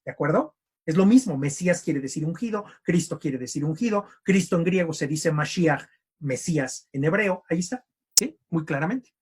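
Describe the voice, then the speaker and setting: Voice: mid-range voice, darkish tone, slightly rough. A theology teacher gives an online lecture, repeating and rephrasing points and often checking in with the listeners. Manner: keeps checking in with "¿sí?" and "¿no?".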